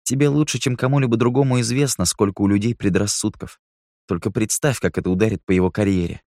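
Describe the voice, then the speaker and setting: A man's voice: lowish voice, fast talker, a little mellow, no echo, studio quality, pitched above the performer's own voice, lightly acted. A man voicing a blunt, driven young male athlete who speaks in a stern, lecturing way.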